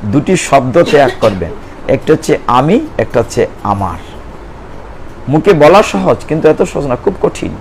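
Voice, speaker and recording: Earnest preacher, slightly high voice. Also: male voice, big pitch swings, moderate pace, a little hiss or hum, low-quality recording. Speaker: Gita preacher. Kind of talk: devotional sermon with chanting.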